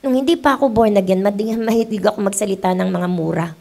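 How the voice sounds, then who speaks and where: Filipino woman pastor preaching, slightly gravelly. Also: mid-range voice, fast, a little mellow. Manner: switches between Tagalog and English, acts out quoted voices. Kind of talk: sermon. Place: church.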